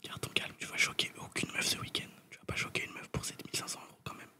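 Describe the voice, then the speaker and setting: A young man whispering to himself as a calming inner voice, a whispered role-play. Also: fast talker, close to an everyday voice. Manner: hushed self-talk.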